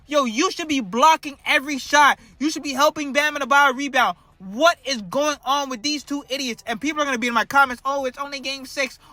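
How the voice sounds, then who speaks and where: A man in a heated fan rant, firing off repeated rhetorical questions and swinging between shouting and muttering. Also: very high-pitched, dry recording. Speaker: basketball fan commentator.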